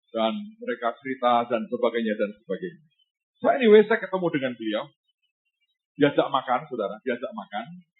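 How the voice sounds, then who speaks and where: A man preaching a sermon as a pastor, telling a story with lively asides to the congregation. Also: mid-range voice. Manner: lively storyteller who keeps addressing the congregation as "saudara". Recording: tinny phone-like sound.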